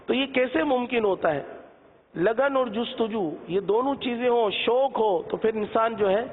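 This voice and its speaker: A man with a strikingly high voice gives a patient religious lesson on pronouncing letters, stretching each sound out slowly. The audio is thin and phone-like, with a long reverb behind it and a faint hum underneath. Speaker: Quran recitation teacher.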